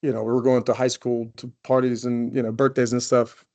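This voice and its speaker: A man's voice: medium pitch, little pitch movement, brisk, darkish tone, highs cut off. Rambling man in his forties. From Croatia. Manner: loose and rambling, leaning on "you know" and restarts. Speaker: guest, company CEO. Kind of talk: casual interview talk.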